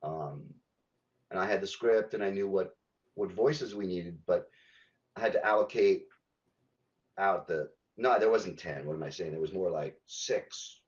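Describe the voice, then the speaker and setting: Man, very low voice, hesitant, lots of ums, dull lo-fi audio. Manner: halting, many ums and restarts. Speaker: game localization director. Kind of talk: podcast interview answers.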